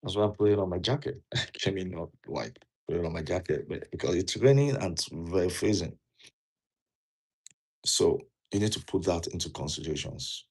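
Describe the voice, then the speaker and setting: This man speaks Nigerian English at a moderate pace in a low, slightly rough, somewhat mellow voice. He's a Nigerian vlogger in a jacket indoors, earnestly giving immigration advice in a casual talk, going over key points repeatedly and questioning the viewer.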